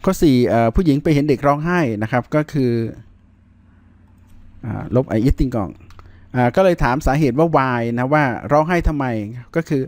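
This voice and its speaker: A man teaching English grammar in a recorded lesson, thinking aloud with many fillers and spelling out words slowly. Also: mid-range voice, darkish tone, dry recording.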